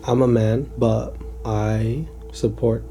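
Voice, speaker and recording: A man's voice: medium pitch, steady tone, slow pace, mellow, a little hiss or hum. A man hosting a casual night ghost-hunting vlog, talking jokingly to a supposed ghost. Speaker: vlog host.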